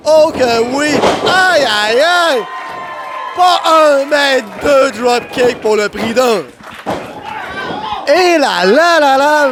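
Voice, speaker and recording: A man giving live play-by-play as a wrestling commentator, excited and exclamatory, often shouting. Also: very high voice. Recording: noisy crowded venue, loud crowd behind. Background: crowd and event noise.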